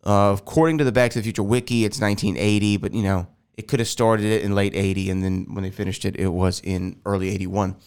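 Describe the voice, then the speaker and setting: Recording in an air-conditioned house, a Houston man rambles through his casual solo podcast, fixing his own words as he goes. His lowish, darkish, smooth voice is nasal from a fading sinus infection; his intonation is fairly even and he talks quickly with few pauses.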